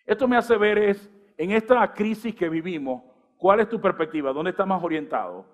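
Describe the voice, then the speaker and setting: A man in his forties, a pastor preaching a lively sermon full of rhetorical questions. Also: high voice, moderate pace.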